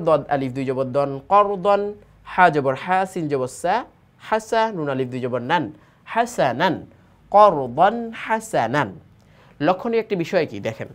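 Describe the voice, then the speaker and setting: A man from Bangladesh teaching tajweed. He spells out each letter, drawls the joined words slowly, and asks himself questions that he then answers. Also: a little high. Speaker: Quran recitation teacher. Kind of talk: tajweed lesson, spelling and reading aloud.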